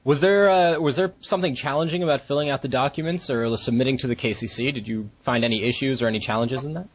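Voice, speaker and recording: A man's voice: medium pitch, fast talker, slightly rough. A man interviewing a guest, asking brief prompting questions and giving short replies.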